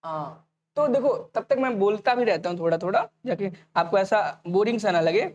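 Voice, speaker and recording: A man teaching an online exam-prep lecture, talking fast and repeating each point as a question to the students before answering it himself. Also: high voice, lo-fi sound. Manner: casual, addresses students directly.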